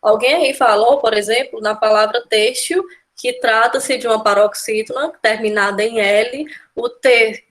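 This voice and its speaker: Speaking at normal speed with few pauses, this Portuguese teacher has a voice on the high side and fairly even intonation, plus a Brazilian accent. In her exam-prep grammar lesson she explains methodically, repeatedly checking in with "né?" and "tá?"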